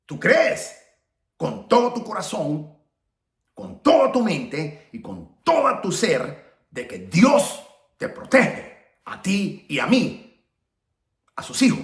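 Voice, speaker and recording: A man preaching a fervent sermon, hammering on repeated rhetorical questions and sometimes shouting. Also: high voice, big pitch swings, slow, pauses often. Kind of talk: impassioned sermon. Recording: echoey room sound.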